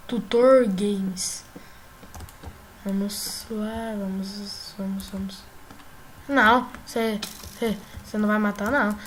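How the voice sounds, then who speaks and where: A woman with a Brazilian Portuguese accent giving casual gameplay commentary as a gaming YouTuber, excitable and often yelling at the game. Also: medium pitch, takes it slowly, long pauses, a little hiss or hum.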